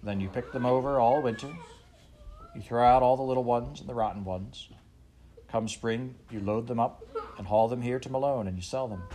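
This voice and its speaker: A man voicing a stern, patient farmer father who talks slowly and deliberately, in a storybook reading. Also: mid-range voice, dark tone, close to an everyday voice. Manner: slow, deliberate.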